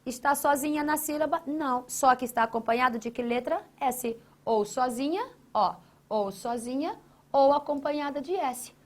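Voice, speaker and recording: Woman teacher explaining grammar, fairly high voice, asks then answers herself, repeats stuff. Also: normal speed. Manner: emphatic, asks and answers her own questions; addresses a student by name, repeats key phrases. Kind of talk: recorded grammar lesson.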